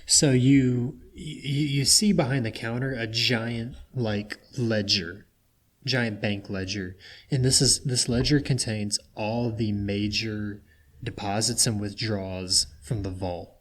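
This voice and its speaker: Young man, low voice, casual game master, rambling narration. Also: steady tone. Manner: casual, halting, full of likes.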